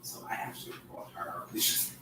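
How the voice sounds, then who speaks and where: A man vlogging casually at home, rambling and excitable, often breaking off mid-thought. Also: a little fast, background noise. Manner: rambling, excitable, self-interrupting. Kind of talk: casual chat while handling a doll.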